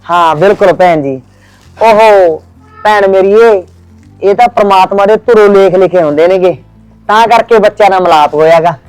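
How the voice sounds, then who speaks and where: A man's voice: high voice, moderate pace, a little mellow, clear, resonant tone, no echo, soft background music, lightly acted, poor audio. A man playing a hearty Punjabi groom's father. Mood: cheerful. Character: friendly middle-aged Punjabi father of the groom. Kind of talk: village family drama acting.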